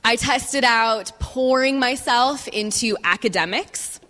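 A woman giving a personal testimony as a guest speaker, speaking in measured phrases and pausing for an interpreter. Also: on the high side, a bit bright, soft background music. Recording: reverberant hall.

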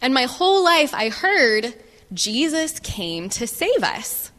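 A woman giving a personal testimony as a guest speaker, speaking in measured phrases and pausing for an interpreter. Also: high voice, very animated, fairly bright tone. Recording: reverberant hall.

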